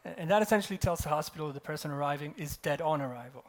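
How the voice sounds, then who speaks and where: A man's voice: a little high, very fast. A man in his forties speaking at a conference, telling a grim personal story wryly and with a self-deprecating humor. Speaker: conference speaker, company co-founder. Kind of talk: conference talk with personal anecdote. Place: conference stage.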